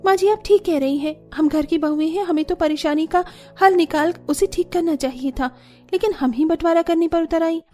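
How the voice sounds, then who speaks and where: A woman's voice: very high voice, moderate pace, dark tone. A woman voicing a young daughter-in-law who complains about cooking alone in a cartoon story. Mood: apologetic.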